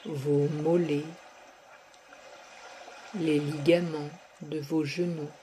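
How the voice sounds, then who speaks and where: A woman leading a guided sophrology relaxation, speaking softly and drawing out her words with long pauses. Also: low voice, level tone, slight background noise. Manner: slow, soft, drawn-out delivery with long pauses.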